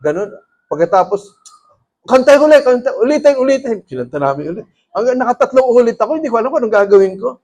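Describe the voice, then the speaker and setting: Pastor guy, kinda high voice, chatty storytelling sermon, laughs a lot. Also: fast. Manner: lively, conversational, often laughs.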